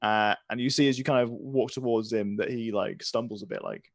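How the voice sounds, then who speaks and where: A man's voice: on the low side, fairly quick, vocal fry, dry recording. Male game master, improvised descriptive narration, conversational, close dry sound.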